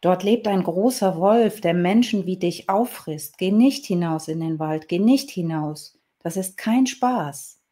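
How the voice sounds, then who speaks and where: A woman reader voices the fretful villagers of a storybook tale. They warn and scold insistently, slow and deliberate, with a warm, dark, lowish sound. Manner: nagging, insistent. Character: warning, mocking village folk.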